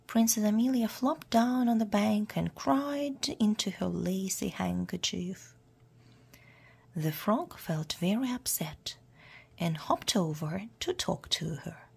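A woman reading a children's storybook aloud in a hushed, half-whispered way. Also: medium pitch, expressive, takes it slowly, creaky, husky. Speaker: storyteller for English learners.

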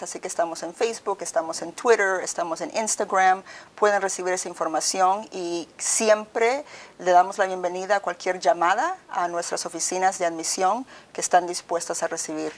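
A middle-aged woman from El Salvador speaks in a fairly low voice, giving formal interview answers in a measured, articulate way. She is recorded in an office with a lapel mic. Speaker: university provost. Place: office with bookshelves, indoors.

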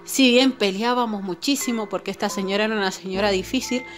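A woman's voice: mid-range voice, fast talker, soft background music. A woman casually telling a personal paranormal story to her viewers, chatty and full of fillers and little "right?" tags. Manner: chatty, filler-heavy, keeps asking "¿no?". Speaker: channel host.

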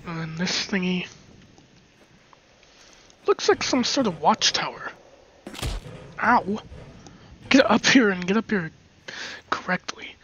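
Hiccuping throughout, this gameplay commentator wanders and chats casually, giggling and murmuring asides under their breath. The delivery is slow and animated with frequent pauses, in a medium-pitched, somewhat bright voice. Slight background noise colors a slightly dull lo-fi recording.

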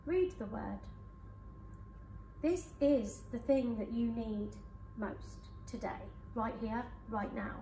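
A woman hypnotherapist leading a guided hypnosis session for a live audience in a conference room, speaking in slow soothing suggestions. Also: a little high, warm tone, a little hiss or hum. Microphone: far camera. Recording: echoey room from far off.

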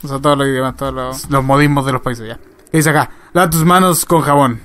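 A man with a Chilean accent giving crude, excitable let's play commentary, swearing constantly as he plays a game. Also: medium pitch, fast talker. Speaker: gamer.

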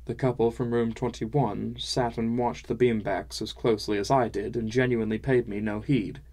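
A man narrating a fantasy audiobook in a measured, wry first-person style. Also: medium pitch, fairly even intonation, warm tone.

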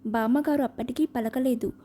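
A woman narrating an audiobook novel with a steady, expressive reading. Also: on the high side, fairly quick, noisy background.

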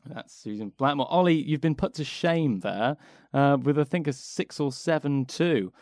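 A man's voice: fairly high pitch, lively intonation, moderate pace, darkish tone, no room sound, studio quality. A man hosting a podcast, playfully running a quiz and reading quotes with theatrical emphasis. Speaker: podcast host and quizmaster. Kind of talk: casual podcast chat.

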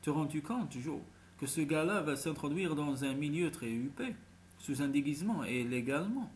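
A man's voice: a little high, expressive, normal speed, a little hiss or hum, lightly acted. A man doing a slick scheming crook. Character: scheming male crook, smooth talker.

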